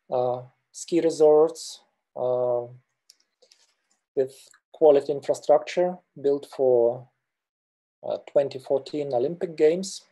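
A middle-aged man from Russia, a mountain guide presenting slides on a webinar over a webcam, speaking hesitantly with many filler pauses. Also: mid-range voice, dark tone. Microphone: video call webcam.

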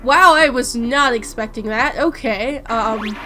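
A woman's voice: on the high side, measured pace, bright, forceful tone, soft background music. Chatty woman narrating her gameplay. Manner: chatty, amused, musing aloud. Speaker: let's-play host. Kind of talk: casual gaming commentary.

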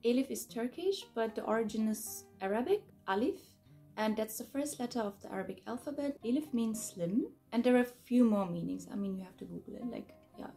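A woman's voice: a little high, lively intonation, fairly quick, gravelly, warm tone, soft background music. A woman in her mid-twenties, raised in Germany, chatting upbeat in a casual Q&A vlog from her bedroom. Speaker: YouTuber answering fan questions. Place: bedroom, indoors.

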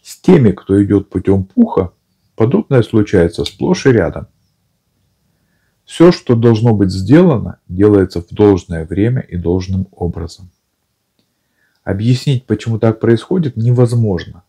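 A male audiobook narrator reads calmly in an even, storytelling manner. His voice sits low and mellow with a slightly husky grain. He keeps the telling steady throughout. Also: unhurried. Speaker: audiobook reader.

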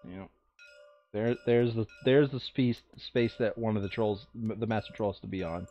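Recorded on a dull, lo-fi close mic, a player in a board game playthrough casually mutters his moves and reads cards out loud. His voice is fairly low and mellow, with fairly even intonation at a moderate pace.

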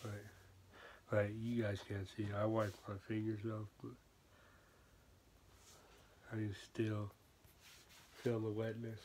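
A man's voice: lowish voice, completely flat delivery, takes it slowly, long pauses, darkish tone, a little hiss or hum. A man in a casual, laid-back product review chat, talking with dip in his lip.

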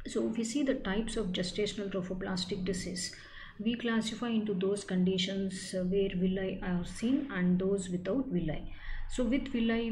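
A woman's voice: mid-range voice, darkish tone. Woman lecturing in an echoey room. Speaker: medical professor giving a lecture. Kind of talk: online slide lecture. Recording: echoey room with clear background noise.

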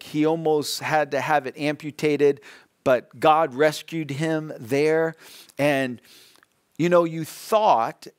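A man's voice: fairly high pitch, dry recording, clean studio sound. A male pastor preaching a sermon who tells a story earnestly and often repeats words as he goes.

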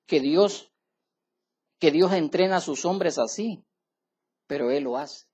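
A male preacher in a church delivering an emphatic sermon, addressing his listeners as brother and swinging between quiet asides and loud raised passages. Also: on the high side, takes it slowly, highs cut off.

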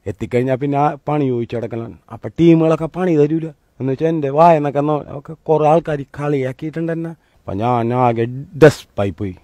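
A man giving a motivational talk, telling a personal story in a colloquial, animated way that swings between loud and hushed. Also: a little high, quick pace, no echo. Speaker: motivational speaker.

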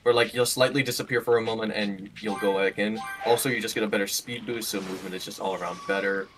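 A man's voice: fairly low pitch, fairly even intonation, fast, distant mic. A man explaining combat mechanics to friends over voice chat in a casual, joking way, swearing freely.

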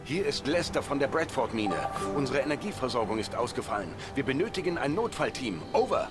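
An actor playing a stranded mine worker who sends an urgent distress call over the radio, speaking in formal radio phrases. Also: male voice, mid-range voice, sing-song, a little fast, over loud music. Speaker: mine worker calling for help. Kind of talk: German game voice acting.

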